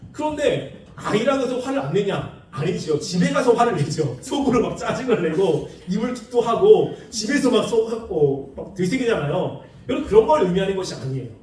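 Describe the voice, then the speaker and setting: A man preaching a sermon in a lively, animated way, acting out the people he quotes with laughs. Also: high-pitched, fairly quick, hardly any pauses. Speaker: pastor. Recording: echoey room, far from the mic.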